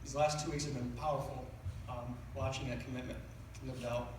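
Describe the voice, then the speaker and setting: A middle-aged man delivers a eulogy in a tender, halting voice of middling pitch, faltering over his phrases. The recording is very echoey and picked up from a distance in a large room, with faint noise underneath. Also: little pitch movement. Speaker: son giving a eulogy. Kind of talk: personal funeral speech, partly read from notes. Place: large reverberant indoor room.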